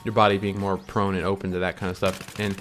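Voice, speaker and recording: This casual monologue comes from a young man vlogging to camera, earnestly musing about following his dreams while munching candy. Full of ums and restarts, his delivery is fast, low-pitched, level and fairly bright. Faint music can be heard behind him.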